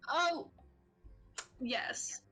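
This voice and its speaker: A woman's voice: drawn-out words, pushed and bright, soft background music. A woman playing a tabletop game, blunt and exclamatory, over a video call. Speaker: player. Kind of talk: tabletop role-play.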